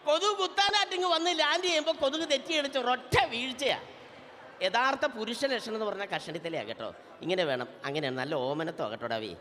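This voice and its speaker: A man's voice: very high voice, very animated, fast talker, exaggerated voice. A man playing a brash, teasing middle-aged auntie, bossing the crowd around as a stage comedian and emcee. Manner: loud, bossy, teasing, calls people up to the stage. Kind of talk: live stage comedy with audience banter. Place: convention hall stage. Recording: reverberant convention hall PA.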